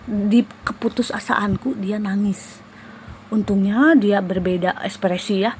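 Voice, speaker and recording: A woman's voice: mid-range voice, unhurried, poor audio. A young woman, a massage therapist and healer, telling a dramatic ghost story to her viewers in a casual vlog, sometimes dropping to a whisper. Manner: animated, dramatic retelling with whispered asides. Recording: steady background noise.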